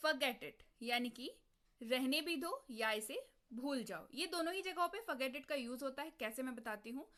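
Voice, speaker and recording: Bright-voiced woman teaching English phrases. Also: high voice, animated. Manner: slow, clearly drilled phrases repeated twice; asks the viewer questions and answers them. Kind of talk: spoken English lesson in Hindi.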